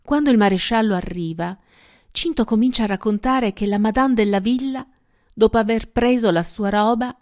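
A woman hosting a literary segment, introducing and summarizing a novel in clear, even scripted narration. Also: medium pitch. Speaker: host of a book segment. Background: faint music.

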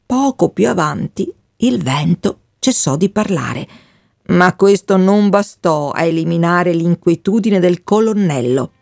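A woman reading a novel aloud in a calm, measured way. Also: fairly low pitch, vocal fry, dry recording. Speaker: reader. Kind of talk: audiobook reading.

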